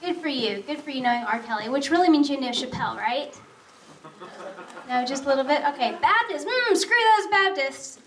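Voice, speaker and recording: A woman in her thirties doing a stand-up comedy set in a brash, sarcastic way with quick punchlines. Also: sits high, expressive, slight background noise. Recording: echoey room, far from mic.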